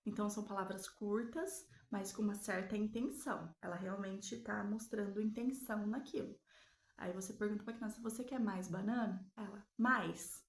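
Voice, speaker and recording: A woman gives a recorded lesson, explaining step by step and often pausing to check in with her audience. Her mid-pitched voice has a gravelly edge, and the room around her sounds echoey. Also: fairly even intonation, a little mellow. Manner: explanatory, frequent tag questions, drawn-out pauses. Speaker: teacher. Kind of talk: recorded lesson on child development.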